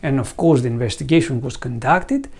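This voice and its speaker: A Greek-accented man in his forties from Greece, a veterinarian and site founder, presents a scripted lecture on a lapel mic in a studio with a green screen. His mid-range voice is husky and darkish and moves a little fast. He frames the material as an earnest story and directs questions at the viewer.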